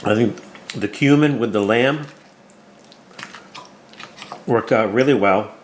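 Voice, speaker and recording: A man hosting a cooking video, chatting in a folksy, relaxed way while tasting his food. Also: lowish voice, takes it slowly, slight background noise. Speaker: cooking show host. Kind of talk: casual cooking vlog chat. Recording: roomy with faint clatter.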